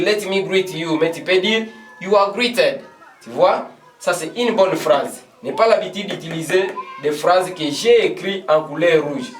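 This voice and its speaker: Man, English teacher at a board, high voice, unhurried, repeats phrases; echoey room, distant mic. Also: slight background noise. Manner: repeats phrases slowly, switches between French and English. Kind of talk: classroom lesson at a board. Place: classroom with a board.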